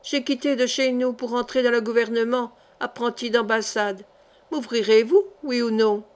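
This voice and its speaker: A touchy, simple-minded young bread carrier, put on by a woman narrator, talking in clipped rustic country speech. The voice sits fairly high for the lad, as a storybook figure read aloud. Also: steady tone, moderate pace, close to an everyday voice. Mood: piqued.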